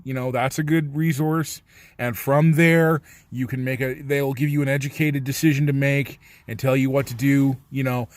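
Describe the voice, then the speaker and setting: A man talking earnestly to camera in a casual vlog, rambling and swearing a little as he reassures viewers. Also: on the high side. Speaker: vlogger.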